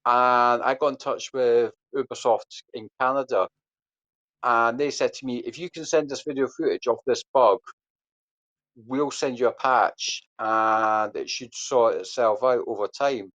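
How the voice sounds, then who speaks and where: A man's voice: mid-range voice, fairly even intonation, unhurried, a bit bright. A man telling a long story in a rambling way, full of fillers and restarts, then quizzing his hosts. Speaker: podcast guest. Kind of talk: casual storytelling and quiz hosting. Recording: dull lo-fi audio.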